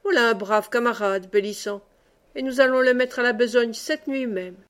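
A proud, ill-tempered medieval knight barks short orders, voiced by a woman reading aloud. The voice is fairly high and clipped. It is a storybook reading. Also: normal speed, lightly acted. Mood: commanding. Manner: curt and commanding.

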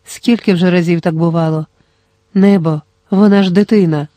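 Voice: medium pitch, fairly even intonation, normal speed, dark tone, no echo, close to an everyday voice. A reader voicing a frightened father of a household who speaks in a tense, trembling voice, in an audiobook. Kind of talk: audiobook character voice.

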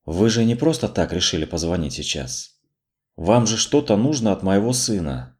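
A man's voice: lowish voice, sing-song, darkish tone. A man reading aloud voicing a composed adoptive mother who questions coolly and speaks firmly. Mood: suspicious. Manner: cool, probing, measured. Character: composed older adoptive mother, firm and wary.

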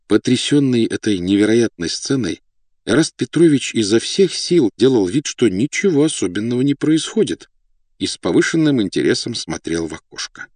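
A man narrating a historical novel as an audiobook in a measured, expressive reading. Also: medium pitch, no room sound. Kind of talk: scripted narration.

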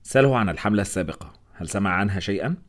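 A man's voice: lowish voice, expressive, rapid-fire, natural voice. A man voicing a thoughtful, wry expedition member in an audiobook. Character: Nazir, a thoughtful male Malaysian expedition member.

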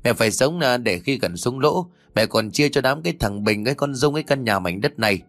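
A vicious, shrieking daughter-in-law in a spoken family drama story, as a male storyteller puts her on. She spits every word with scorn, her pitch lurching up and down. The recording is close and dry. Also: expressive, a little fast, no room sound. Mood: venomous scolding. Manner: scolding, venomous, shouting. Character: cruel shrill daughter-in-law, woman, middle-aged.

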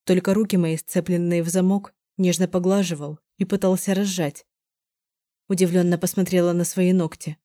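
A woman reading a first-person story as an audiobook narrator in a measured, even way. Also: on the low side, no room sound, studio quality.

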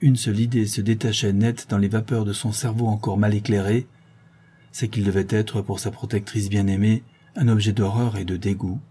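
A man reading a classic novella aloud as narrator in a measured, literary way. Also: fairly low pitch, flat delivery, warm tone, husky.

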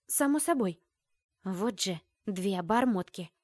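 A woman's voice: mid-range voice, expressive, unhurried, a little mellow, no room sound, studio quality. A woman reading an audiobook voices a grumbling, smirking young woman student.

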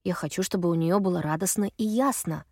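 A woman narrating a novel in the first person, with an expressive, reflective delivery. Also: lowish voice, brisk, husky, no room sound, clean studio sound. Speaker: audiobook narrator.

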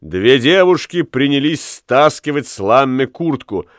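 A man reading a story aloud as narrator, with lively, expressive delivery. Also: medium pitch, a little slow, no echo. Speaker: audiobook reader. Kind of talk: scripted narration. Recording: dry studio reading with faint music.

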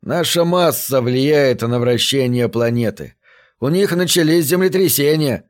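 A man voicing a callous male explorer who talks with excitement about harm in an audiobook. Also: medium pitch, a little slow, close to an everyday voice. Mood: excited.

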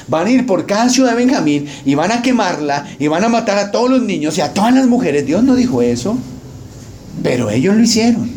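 Man, pastor, sermon, high voice, very lively pitch. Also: slight background noise. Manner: animated preaching, mocks with dramatic put-on prayers.

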